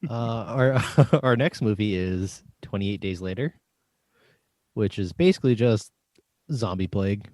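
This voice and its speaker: A young man with a somewhat low voice hosts a relaxed podcast chat and steers the talk along in an easygoing way. His voice is recorded dry and close, with no room sound. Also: a little slow, no room sound. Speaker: podcast host. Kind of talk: casual chat.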